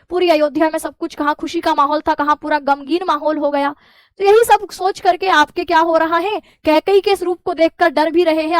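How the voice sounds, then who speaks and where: High-voiced woman teaching a poem. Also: no room sound. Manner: reads verses slowly, then paraphrases in plain words with "है ना". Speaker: Hindi teacher. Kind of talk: explaining a poem line by line.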